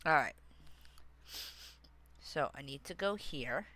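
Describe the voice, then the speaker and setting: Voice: mid-range voice, expressive, slow, bright, forceful tone. A streamer chatting casually with viewers, rambling and easily sidetracked while working on screen, with many fillers and restarts. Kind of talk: casual livestream chat.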